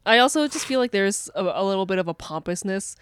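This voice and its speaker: American woman co-host, teasing banter, mid pitch, dead-dry mic. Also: lively intonation, fast talker, smooth, no room sound. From United States. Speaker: podcast co-host. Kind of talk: casual chat.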